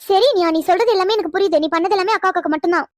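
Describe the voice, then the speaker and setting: A woman's voice: very high voice, racing, no echo, studio quality. A woman voicing a bossy, practical young woman in a cartoon who lectures her friend. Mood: lecturing. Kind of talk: animated cartoon dialogue.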